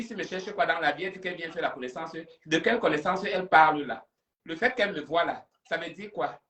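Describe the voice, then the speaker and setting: A man runs a live stream and takes callers, dramatic and quick to push back. His voice sits a little high. The sound is roomy and distant from the mic. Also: a bit bright. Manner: theatrical, confrontational. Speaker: livestream host.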